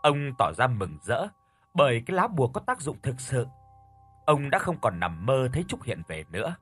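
A man narrating a story in an expressive, dramatic way. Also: medium pitch, breathy edge. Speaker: audiobook narrator.

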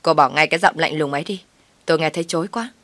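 A woman's voice: low voice, steady tone, fast talker, no room sound. A woman voicing a hot-tempered young husband who scolds his wife curtly. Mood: angry.

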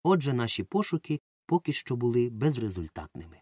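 A man narrating a children's story as an audiobook, telling it lively and acting out the dialogue. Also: mid-range voice, a little fast. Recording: dry close mic with faint music.

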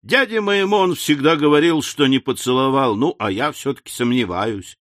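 Dry, unhurried male storyteller. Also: medium pitch, fairly bright tone, no room sound. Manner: unhurried storyteller, confiding asides. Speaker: audiobook narrator. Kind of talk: scripted literary narration.

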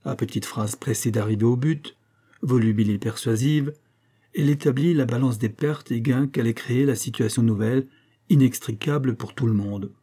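A man narrating a classic tale in a steady, even storytelling manner. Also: mid-range voice, moderate pace, breathy edge. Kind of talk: audiobook narration.

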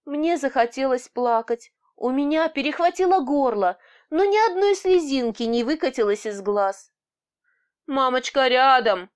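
A woman narrating a story in the first person, lively and expressive, with blunt swearing. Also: sits high, normal speed. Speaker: audiobook narrator.

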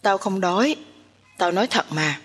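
A woman's voice: mid-range voice, lively intonation, normal speed, a bit bright, slightly rough, faint music behind, voice pushed down. A woman voicing a tired, withdrawn young caregiver who talks in a weary, reluctant way. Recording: long hall reverb.

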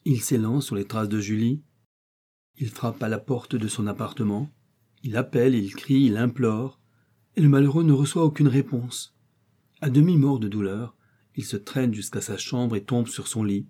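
Brief: male audiobook narrator, measured and expressive, very dark timbre. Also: mid-range voice, breathy edge. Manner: measured, expressive literary reading. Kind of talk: audiobook narration of a classic novella.

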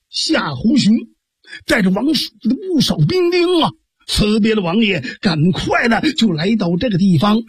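Husky, animated male storyteller. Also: sits high, dry recording, clean studio sound. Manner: lively, dramatic narration with sound effects. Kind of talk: traditional Chinese pingshu storytelling.

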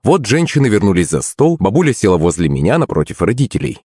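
A man narrating an audiobook in the first person, in a wry, expressive way. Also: on the low side, fast talker, breathy edge, no room sound, studio quality. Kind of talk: scripted narration.

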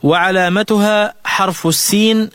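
A man giving a slow, scripted tajweed lesson on the radio, explaining rules and chanting melodic examples. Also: high voice, fairly even intonation, fairly bright tone, clear, resonant tone, no echo, studio quality. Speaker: Quran recitation teacher. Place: radio studio.

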